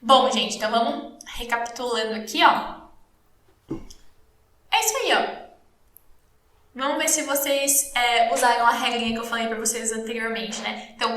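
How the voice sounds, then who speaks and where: A Brazilian woman teaching English in a live online class, lively and encouraging, slowing down to model English phrases. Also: high voice, echoey room. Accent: Brazilian Portuguese.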